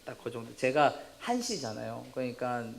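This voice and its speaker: A male pastor preaching a sermon in a church sanctuary. He tells a personal testimony in a lively, humorous way, acts out the dialogue and laughs at his own stories. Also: medium pitch, moderate pace, vocal fry, slight background noise.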